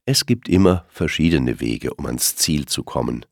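Storybook mother deer, caring and calm, read by a man, in a dry close voice. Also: extremely low pitch, moderate pace, no echo. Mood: soothing. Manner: soft, soothing.

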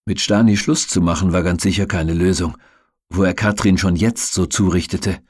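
A man reading a novel aloud as an audiobook narrator, steady and measured. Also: deep voice, breathy edge, no room sound, studio quality.

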